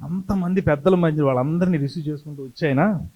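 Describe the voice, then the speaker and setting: A middle-aged man, a TV anchor who tells stories in an animated way to a hometown audience and acts out the voices he quotes. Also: fairly high pitch, fast talker, muffled recording. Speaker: TV anchor and creative director telling stories. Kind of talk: storytelling speech to a hometown audience.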